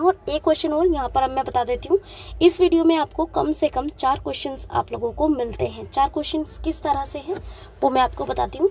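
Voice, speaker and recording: Woman teacher, high voice, patient exam-prep lesson, repeats points, mixes in English terms. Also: darkish tone.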